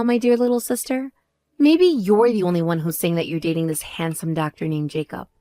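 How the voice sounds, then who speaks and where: Story read: a woman playing a composed older sister, cool and measured, lively lower tone, dry close sound. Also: dry recording, natural voice. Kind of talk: voiced text story dialogue.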